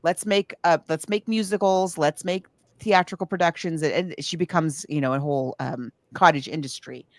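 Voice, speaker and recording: Casual talk about books and films comes from a podcast co-host, a woman who drifts between topics and thinks out loud. She has a low voice and a moderate pace, with dry, clean studio sound.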